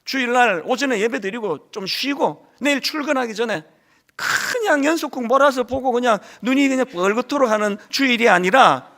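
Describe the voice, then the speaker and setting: A man's voice: very high-pitched, moderate pace, a little hiss or hum. A middle-aged male pastor preaching a sermon, telling stories animatedly and acting out quotes, with a lingering cold. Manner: animated storytelling with acted quotes.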